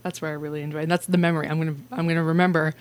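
A woman's voice: low-pitched, flat delivery, very fast. A woman hosting a podcast in a casual, chatty and enthusiastic way, laughing often. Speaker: podcast host.

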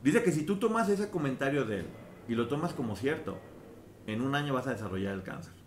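A man talks through a book in a casual, earnest way, leaning on everyday examples. His voice sits at an ordinary pitch. The room rings around him, with a faint ambient hiss underneath. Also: animated, fairly quick. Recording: roomy echo with faint ambience.

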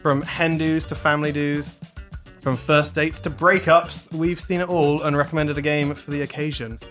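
Higher-voiced man hosting. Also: flat delivery, normal speed, fairly bright tone, soft background music. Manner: chatty, laughs often, trips over words. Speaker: podcast host. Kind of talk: casual podcast chat.

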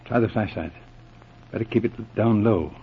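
An actor playing a cool, shrewd police inspector with clipped commands in a 1940s radio adventure serial. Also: male voice, lowish voice, normal speed, slightly rough. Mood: cautious, businesslike. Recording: muffled old radio recording.

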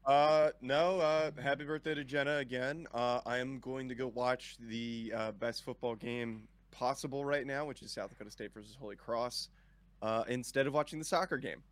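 A man's voice: mid-range voice, steady tone, moderate pace. A man in his twenties co-hosting a podcast, laid-back and brief. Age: 20s. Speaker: co-host. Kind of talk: casual podcast chat.

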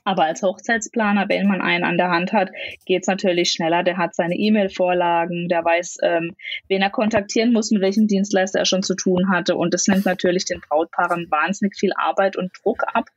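A woman's voice: fairly low pitch, steady tone, brisk, no echo, dull audio. A woman in her thirties, a wedding planner, explaining things at length in a casual podcast chat, with many fillers. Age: 30s.

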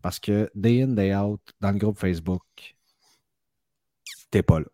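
Low-voiced Québécois man, joking co-host. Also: unhurried, dark tone, no room sound, clean studio sound. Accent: Québécois French. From Quebec. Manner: joking, rambling, playful teasing. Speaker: podcast co-host. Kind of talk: casual chat.

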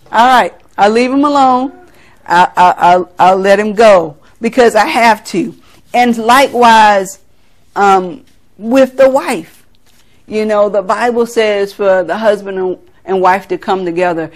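A middle-aged woman from South Carolina preaching a sermon, earnest, laughing at herself and acting out family conversations. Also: mid-range voice.

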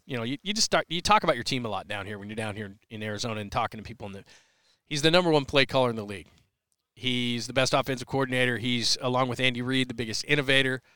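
At the press area of a big sports event, a middle-aged sports radio host answers a listener's question during a live podcast chat, rambling loosely and restarting often. His medium-pitched voice has a sharp tone, and the recording is smooth, dry and studio quality.

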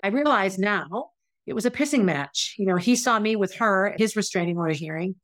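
A woman's voice: mid-range voice, lively intonation, brisk, no echo. A middle-aged woman telling her own story in a candid, emotional and frustrated way, as a podcast host. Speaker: podcast host, former teacher. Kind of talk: personal storytelling monologue.

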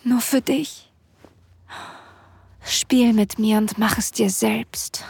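Breathy woman in slow ASMR role-play. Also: a little high, steady tone, no room sound. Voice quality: breathy, airy soft voice. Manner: sensual, intimate, addressing the listener directly. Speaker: erotic audio performer. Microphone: close microphone, dry sound.

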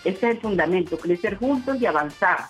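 A woman from Venezuela with a slightly Chilean-tinged accent, calling a radio show. She speaks politely and warmly, agreeing readily. Faint music sits under her voice. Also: medium pitch, expressive, fairly quick. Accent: Venezuelan with Chilean touches. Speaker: caller.

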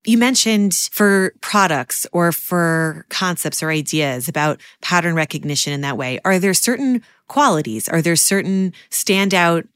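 A woman hosting a podcast, asking questions in a slow, reflective, measured way. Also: lowish voice, fairly bright tone, smooth, no echo, studio quality. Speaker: podcast host. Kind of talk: podcast interview.

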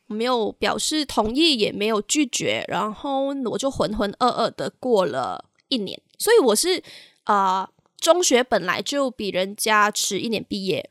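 A young woman co-hosting a podcast, telling a personal story in a halting, candid way and slipping into English phrases now and then. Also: medium pitch, fairly bright tone, no echo, studio quality. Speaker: podcast co-host.

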